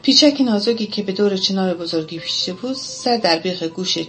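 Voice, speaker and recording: A woman narrating a children's animal fable, reading in a steady, expressive storytelling voice at a middling pitch. Soft music plays faintly underneath.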